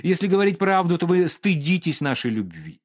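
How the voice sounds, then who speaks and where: A needy, dramatic young woman who begs and weeps in a storybook reading, as a male narrator puts her on. The voice is lifted well above his own and swings widely in pitch. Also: sing-song, fairly quick. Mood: tearful, pleading. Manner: pleading, sobbing.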